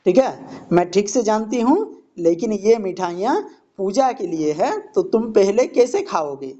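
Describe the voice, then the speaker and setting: A man's voice: high-pitched, big pitch swings, dark tone. A man teaching a Sanskrit play, reading each line and then explaining it in Hindi. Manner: reads Sanskrit lines then explains them slowly in Hindi. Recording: dull lo-fi recording.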